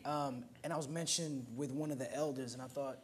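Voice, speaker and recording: A man in his twenties from Oakland, California, with an American accent, casually tells personal stories at an indoor roundtable discussion in a museum. His mid-range voice has fairly even intonation and a slightly fast pace, with a little hiss or hum in the recording.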